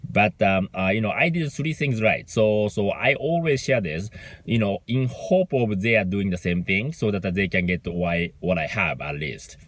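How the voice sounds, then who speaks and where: Speaking off the cuff as a business mentor, a man from Japan with a Japanese accent delivers a motivational talk in a halting way, leaning heavily on fillers and constant "right?" checks. His fairly low voice is expressive, and the recording is dry.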